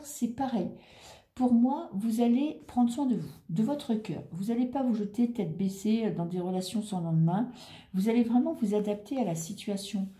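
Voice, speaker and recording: A woman with a medium-pitched, dark voice reads tarot cards in a roomy-sounding space. She's a tarot reader giving a casual monologue, chatty and reassuring, thinking aloud as she turns each card.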